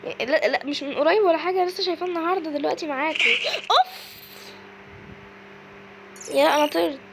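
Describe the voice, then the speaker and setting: A woman with an Egyptian accent giving casual, excitable commentary as she plays a game, often shrieking and exclaiming. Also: high-pitched, racing, background noise. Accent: Egyptian Arabic. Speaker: gaming video creator.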